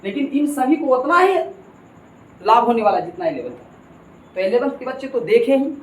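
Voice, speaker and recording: A man's voice: very high-pitched, sing-song, moderate pace. A man teaching a grammar lesson, emphatic and repetitive, constantly addressing his students as kids. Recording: echoey room with faint ambient noise.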